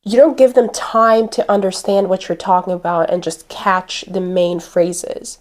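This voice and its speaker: Deliberate-speaking woman coach. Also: mid-range voice, steady tone, darkish tone. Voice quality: deliberate, clear pacing with pauses. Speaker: accent coach. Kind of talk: instructional talk to camera.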